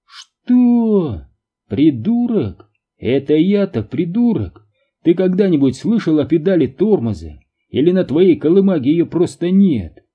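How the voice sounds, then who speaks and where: A man voicing a hot-tempered, protective father who shouts in fury, in an audiobook. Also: on the high side, very animated, moderate pace, husky, narrow, tinny audio, pitched above the performer's own voice. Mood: furious. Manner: shouting, furious.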